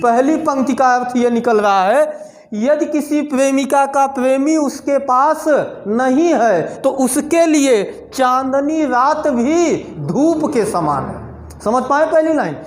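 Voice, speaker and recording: Slow, high-voiced teacher in an echoey room. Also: male voice, a little hiss or hum. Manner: slow, repetitive explaining with rhetorical questions to students. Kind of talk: classroom lecture.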